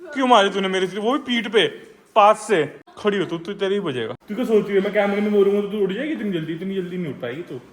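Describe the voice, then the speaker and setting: A man's voice: high-pitched, fast talker. A young man chatting playfully and teasingly in a casual family vlog. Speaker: vlogger. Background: background music.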